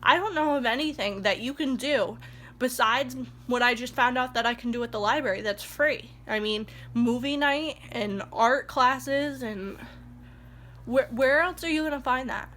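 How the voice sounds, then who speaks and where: Speaking at a normal speed in a fairly high, slightly bright voice, a young mom who stays home addresses her camera casually from inside the house. Allergies have stuffed up her nose, and her heartfelt rambling builds toward indignation.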